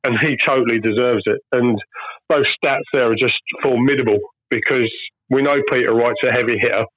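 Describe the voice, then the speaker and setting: A man's voice: mid-range voice, steady tone, fairly quick, no echo. Man, ex-darts pro guest, earnest and emphatic, on a dull, dry lo-fi line. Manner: earnest, emphatic, repeats key phrases. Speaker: guest, former professional darts player. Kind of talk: casual phone-in chat.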